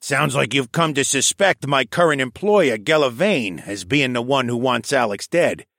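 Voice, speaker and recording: A crafty old koala elder with a raised, lively voice that climbs and dips as he schemes, as a man puts him on. He sounds knowing and shrewd, like a storybook sage with a sly streak. The sound is dry and close. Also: medium pitch, moderate pace, vocal fry, no echo, pitched above the performer's own voice. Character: shrewd old male koala archivist, wily.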